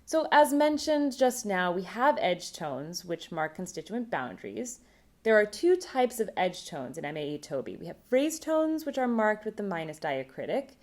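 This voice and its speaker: A woman presenting a recorded academic conference talk on linguistics, explaining terms in a clear, measured way. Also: lowish voice, very animated, a little mellow.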